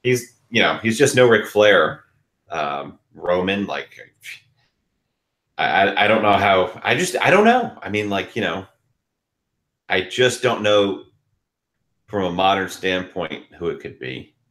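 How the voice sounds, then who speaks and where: A man with a very low voice co-hosting a relaxed podcast. He rambles through his opinions and hedges them with plenty of fillers. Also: measured pace, long pauses. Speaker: co-host. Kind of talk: casual podcast chat.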